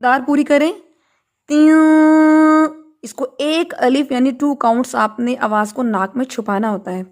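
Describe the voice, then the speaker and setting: High-voiced woman teaching recitation. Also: fairly even intonation. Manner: patient, encouraging, models recitation in a chanted voice. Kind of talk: online tajweed lesson, correcting students.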